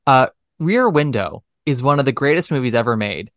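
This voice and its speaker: A man hosting a casual podcast interview, talking in an animated, emphatic, jokey way. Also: medium pitch, moderate pace, dry recording, clean studio sound. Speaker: podcast host.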